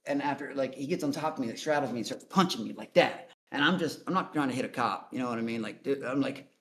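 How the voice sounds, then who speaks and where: A man's voice: medium pitch, fast talker, a bit bright. A man guest on a call-in interview, telling his story in a blunt, profane, rambling way. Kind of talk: casual storytelling.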